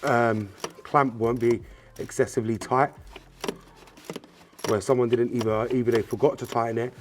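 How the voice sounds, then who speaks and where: Over background noise, a man's medium-pitched voice moves at a normal speed with fairly even intonation. He's a Spanish-native host of a car mechanic channel giving a hands-on repair tutorial, casual in tone, addressing "you guys" directly while working and often repeating "um" and "obviously."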